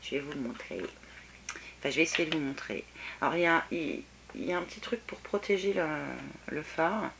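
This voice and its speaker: A woman's voice: low voice, expressive, brisk, fairly bright tone, a little hiss or hum. A French woman vlogging a casual makeup review, chatty and hesitant with many fillers, eager about the products. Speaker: beauty vlogger.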